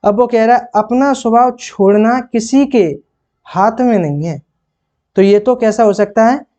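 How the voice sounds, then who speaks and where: A man teaching for a Hindi exam. He asks questions and answers them himself, and repeats and rereads phrases slowly. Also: high-pitched, dark tone. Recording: dull lo-fi sound.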